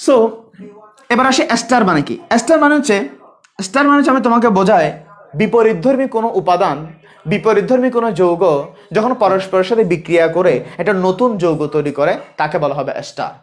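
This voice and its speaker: A man's voice: high voice, lively intonation, quick pace. A man from Bangladesh teaching a live online biology class, talking casually, asking questions and answering them himself, repeating key points.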